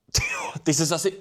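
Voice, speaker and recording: A gruff, low-voiced dad, acted by a man, who mumbles and rumbles well below the speaker's own range. He sounds soft with his daughter and blunt with his son.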